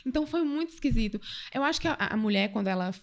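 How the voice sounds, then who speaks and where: A woman's voice: a little high, lively intonation, rapid-fire. A woman in her thirties who hosts a podcast and talks candidly in casual chat. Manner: candid, conversational. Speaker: podcast host.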